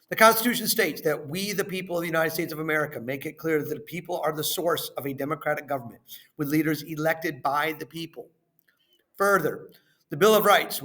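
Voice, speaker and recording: Here a man's slightly high, somewhat bright voice delivers a lesson and worksheet questions in teacher mode. The reading is slow and instructional, with stress up front in each phrase and a trailing finish.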